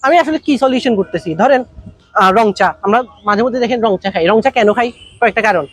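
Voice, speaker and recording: A man's voice: high voice, animated, a little fast, no room sound. A man giving a business masterclass in a colloquial way, telling stories with acted-out dialogue. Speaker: business trainer. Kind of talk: masterclass talk.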